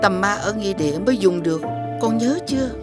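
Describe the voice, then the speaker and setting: A woman's voice: mid-range voice, lively intonation, fast talker, natural voice. An actress voicing a wise, stern old fairy woman in a cartoon, who gives solemn, earnest warnings. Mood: gentle. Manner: solemn, earnest warnings, rising urgency on key orders. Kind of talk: dubbed cartoon acting. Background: background music.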